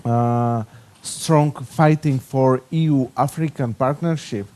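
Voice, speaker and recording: With a mellow, mid-range voice, a man from the Czech Republic speaks on a conference panel. His English comes out haltingly, in a Czech accent, with fillers scattered throughout.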